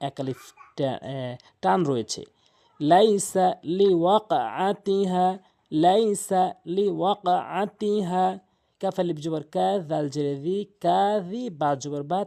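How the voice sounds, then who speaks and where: A woman teaching Quran reading, spelling out Arabic letters in Bengali and chanting verses in long drawn-out tones. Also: fairly low pitch, mellow. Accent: Bangladeshi Bengali. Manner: drawn-out melodic recitation between plain explanations.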